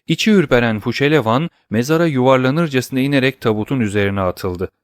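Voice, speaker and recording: A man reading a classic novel aloud as an audiobook narrator, in a steady, measured way. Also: mid-range voice, smooth, no room sound, clean studio sound.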